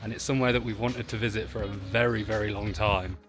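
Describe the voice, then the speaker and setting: A man's voice: lowish voice, little pitch movement, fast, fairly bright tone. A British man talking casually to camera in a travel vlog, chatty and upbeat. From Britain. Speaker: travel vlogger. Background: music.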